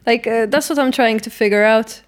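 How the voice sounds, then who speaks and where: A woman's voice: fairly high pitch, a little fast. A woman hosting a podcast, speaking openly and casually, with frequent "like" and "you know". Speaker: podcast host.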